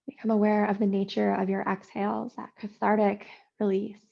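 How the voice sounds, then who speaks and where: A woman yoga teacher leading a slow guided practice, soothing and unhurried with long pauses. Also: mid-range voice, little pitch movement, gravelly, muffled recording.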